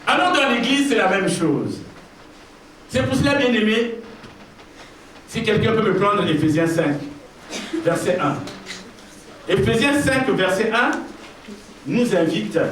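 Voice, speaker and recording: A male pastor preaches in a high, animated voice that swings widely. He presses his points by repeating phrases and calls out to the congregation. The sound is heavily echoey, picked up from far off in a church with a faint hiss. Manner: emphatic, repeats key phrases, addresses congregation directly. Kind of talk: sermon. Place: church hall.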